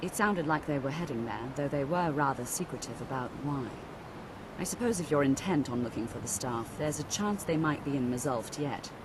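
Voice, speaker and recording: An actress playing a composed female mage who speaks in a formal, measured and dry way, heard as game audio. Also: extremely low pitch, lively intonation. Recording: game audio with clear background noise.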